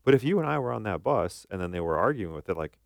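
This therapist and podcast co-host has a fairly low, creaky voice and speaks quickly with lots of animation. The studio sound is clean with no echo, and his casual explanations lean on analogies and quotes he acts out.

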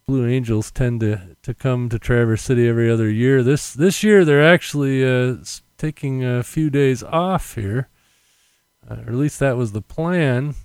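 A man's voice: mid-range voice, moderate pace, darkish tone, smooth, no echo, clean studio sound. A middle-aged American man chatting casually and unscripted as a podcast host, rambling and correcting himself, with popping p sounds on a condenser mic. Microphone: condenser mic without windscreen.

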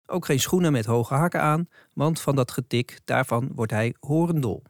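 A man narrating a documentary in a calm, measured, scripted way. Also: medium pitch, dry recording, clean studio sound.

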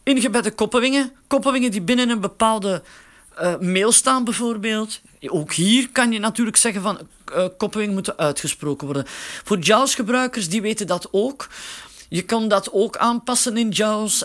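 A man giving a casual spoken tutorial, explaining slowly and with filler words while working a phone. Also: high-pitched, fairly bright tone. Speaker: instructor.

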